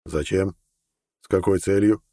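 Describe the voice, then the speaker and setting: A man voicing a calm, measured old grandfather in an audiobook. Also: sits low.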